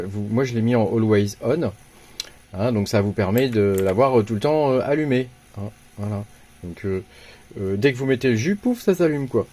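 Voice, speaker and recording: A man's voice: mid-range voice, a little mellow, slight background noise. A man hosting a casual computer tutorial, talking informally with many hesitations and restarts. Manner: informal, slangy. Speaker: tech tutorial host. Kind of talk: casual screen-recorded tutorial.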